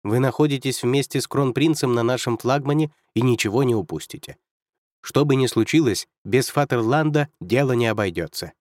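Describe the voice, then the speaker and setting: Cheerful young officer, read by a man narrator: lifted, brisk, amused, dry recording. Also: mid-range voice, no echo, natural voice. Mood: cheery, amused. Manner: brisk, amused, raised lively voice. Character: cheerful stocky young male military officer. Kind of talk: audiobook character voice.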